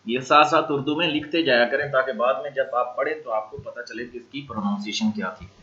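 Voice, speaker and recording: A man's voice: medium pitch, steady tone, fast talker, bright, forceful tone, highs cut off. A man teaching a recorded language lecture who says each new word several times and spells it out. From Pakistan.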